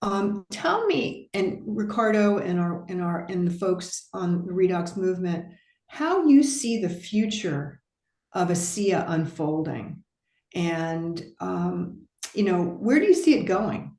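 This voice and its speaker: Slow, mellow-voiced woman interviewer. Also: lowish voice, sing-song. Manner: slow, measured, complimentary. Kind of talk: interview questions. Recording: roomy echo.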